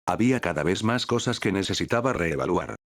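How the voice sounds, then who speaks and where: A man narrating a story in a steady, even audiobook delivery. His voice is low, and the recording is dry with no room echo. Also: fairly quick.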